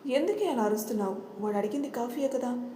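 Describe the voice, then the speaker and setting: A woman's voice: on the high side, lively intonation, quick pace, warm tone, echoey room, slight background noise, close to an everyday voice. A woman voicing an angry, anxious middle-aged mother-in-law who scolds her family in an audio story. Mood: scolding.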